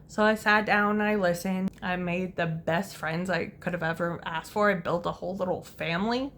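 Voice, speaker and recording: A woman's voice: fairly low pitch, fairly even intonation, normal speed, a bit bright, a little hiss or hum. A young woman, talking candidly to camera in a casual storytime vlog, tired and losing her voice. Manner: candid, rambling, self-deprecating. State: tired, voice going hoarse. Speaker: vlogger.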